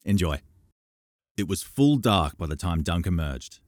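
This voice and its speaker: Expressive male audiobook narrator, dry sound. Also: measured pace, no room sound. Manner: expressive, voices characters with raised pitch. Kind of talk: audiobook demo reel.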